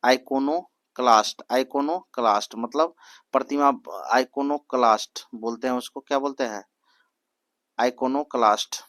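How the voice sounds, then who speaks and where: A young man teaches an exam-prep lesson. He repeats each answer several times, asks "what is it called?" after each one, and reads English prompts slowly word by word. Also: mid-range voice, a bit bright, dry recording.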